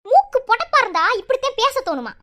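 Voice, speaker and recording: A woman voices a bold young wife in a cartoon, self-assured and sharp-tongued. Her very high voice teases her husband fast and jokes about smacking him. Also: sing-song, exaggerated voice. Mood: teasing. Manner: teasing, self-assured, threatening in jest. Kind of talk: cartoon voice acting.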